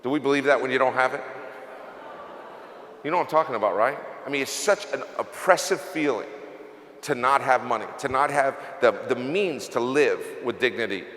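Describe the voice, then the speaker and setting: A man's voice: mid-range voice, moderate pace, fairly bright tone. A man giving a confessional motivational speech at a convention, fighting back tears as he speaks. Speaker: company executive giving closing remarks. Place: large convention hall. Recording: echoey hall reverb.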